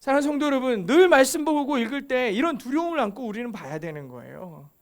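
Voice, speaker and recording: A man's voice: very high voice, sing-song, fast. A male pastor giving a conversational sermon, asking rhetorical questions and acting out quoted voices.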